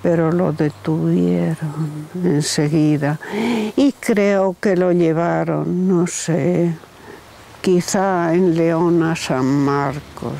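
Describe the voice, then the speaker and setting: A woman with an accent from Spain recalls the past very slowly and haltingly. Her voice is lowish and full of creak, with a tentative delivery. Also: steady tone, dark tone, a little hiss or hum. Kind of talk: spontaneous recollection.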